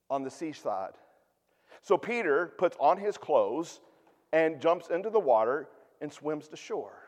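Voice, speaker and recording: A man preaching a sermon as pastor, teaching earnestly and moving between hushed, quiet stretches and emphatic, raised passages. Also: a little high, long reverb tail.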